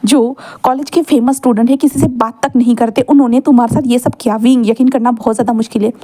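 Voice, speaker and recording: A woman's voice: fairly high pitch, fairly even intonation, fast talker, mellow, close to an everyday voice. A woman voicing a nosy young male college friend who keeps asking prying questions. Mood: curious.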